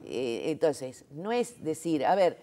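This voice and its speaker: Her voice is low and dark, moving slowly with big swings in pitch. She's a sign language interpreter in a conversational interview, explaining her perspective with emphasis and plenty of fillers and rhetorical checks.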